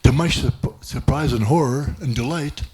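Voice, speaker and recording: A man's voice: mid-range voice, moderate pace, a little mellow. A man doing stand-up, telling a rambling self-mocking story with many restarts. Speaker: stand-up comedian. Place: comedy club stage.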